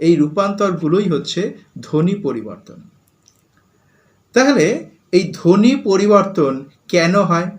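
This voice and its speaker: A man teaching a grammar lesson to school students, explaining step by step and repeating key phrases with examples. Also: high voice.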